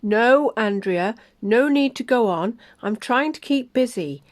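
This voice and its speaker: A woman voicing a young man, an evasive boyfriend who talks in a flat, soft, hurried way. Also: on the high side, dry recording.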